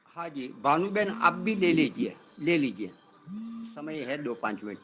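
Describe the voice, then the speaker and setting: A man hosting a spiritual gathering, inviting speakers in turn and pausing often with fillers. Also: a little high, animated, background noise. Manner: hesitant, pausing with many fillers.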